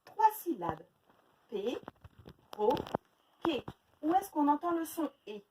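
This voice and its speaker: A woman teaching a phonics lesson to young children, sounding out words slowly syllable by syllable. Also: sits high, sing-song, distant mic. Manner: slow, exaggerated syllable-by-syllable pronunciation. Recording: faint noise, voice a little off-mic.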